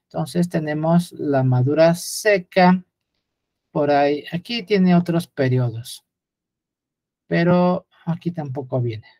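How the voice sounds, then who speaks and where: A man's voice: fairly high pitch, slow, warm tone, no room sound, clean studio sound. A man gives an unscripted lecture, often hesitating with fillers and restarts while pointing things out on a chart.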